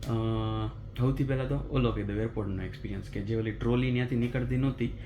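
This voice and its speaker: A man, telling a story as a vlogger in a chatty, animated way, recorded in his apartment at night. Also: mid-range voice, fairly quick, background noise. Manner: animated retelling of a mishap, chatty and conversational. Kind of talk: casual vlog storytelling.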